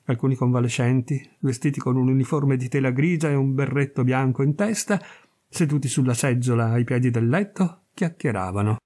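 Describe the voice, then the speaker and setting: A man narrating a classic short story in a measured, dramatic audiobook reading. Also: mid-range voice, warm tone. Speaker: reader, narrator.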